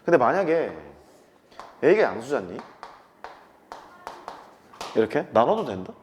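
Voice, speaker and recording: Male math teacher, lively up-and-down pitch, blunt, teasing, casual classroom lecture. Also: unhurried, slight background noise. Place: classroom with chalkboard.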